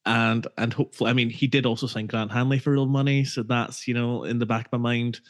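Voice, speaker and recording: A man co-hosting a casual football podcast, measured and thoughtful with frequent ums. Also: mid-range voice, flat delivery. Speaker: podcast co-host.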